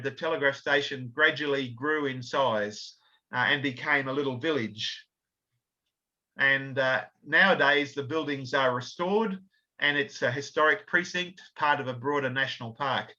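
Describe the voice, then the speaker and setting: Bright-voiced man giving a slide talk. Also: mid-range voice. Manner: explanatory, many fillers and self-corrections. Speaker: author and researcher giving a talk. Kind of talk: illustrated history talk with slides. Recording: slightly dull lo-fi audio.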